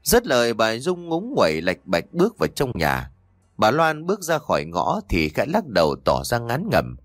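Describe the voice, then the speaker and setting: A man reading an audio story in an expressive storytelling manner. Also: lowish voice, normal speed, dry recording, studio quality. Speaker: narrator.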